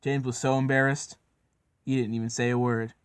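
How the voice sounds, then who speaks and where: A man's voice: mid-range voice, flat delivery, moderate pace, clean tone, no echo. A man narrating a comedic story in a casual, profane, mock-serious way.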